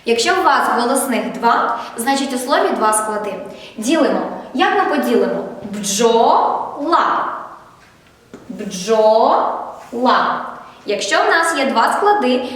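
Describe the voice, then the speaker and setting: A woman primary school teacher giving a first-grade literacy lesson, speaking slowly and clearly, asking questions and praising answers. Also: high-pitched, very animated, a bit bright, very echoey, long reverb tail, distant mic. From Ukraine.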